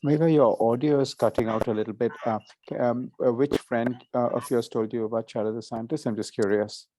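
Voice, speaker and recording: A man's voice: medium pitch, brisk, mellow, a little hiss or hum, poor audio. A man hosting a casual science conference call, speaking politely and asking participants questions. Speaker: session host and astronomer.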